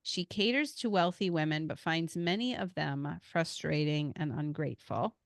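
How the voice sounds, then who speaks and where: A woman with a deep voice hosts a podcast at a moderate pace, chatting casually. She's talkative, self-deprecating and laughs often, recorded in clean studio sound with no echo.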